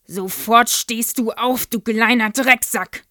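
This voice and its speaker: A woman's voice: a little high, slow, sharp tone, no room sound, voice pushed up. A towering, child-hating headmistress, put on by a woman reading aloud, bellows every insult at full force in a raised, strained voice. The storybook reading is dry and close, with no room sound. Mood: furious bellowing. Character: huge brutal child-hating female headmistress.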